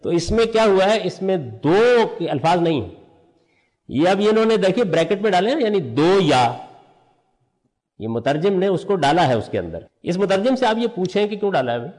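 A man's voice: high-pitched, sing-song, darkish tone, long reverb tail. An older man teaching a religious lesson, explaining step by step and answering his own questions. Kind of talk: lecture on Quranic language.

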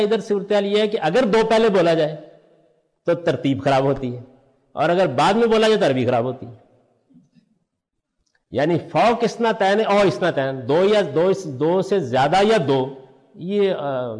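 A man's voice: sits high, a little mellow. Older man lecturing in a reverberant room. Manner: explanatory, asks and answers his own questions. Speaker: religious scholar teaching. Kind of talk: lecture on Quranic language.

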